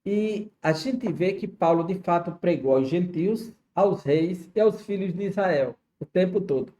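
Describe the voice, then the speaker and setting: A man's voice: high voice, unhurried, dark tone, slight background noise. A man with a Brazilian Portuguese accent teaching a Sunday school Bible lesson, explaining as he goes and often checking in with "né?". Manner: explanatory, with frequent "né?" and "tá certo?" checks.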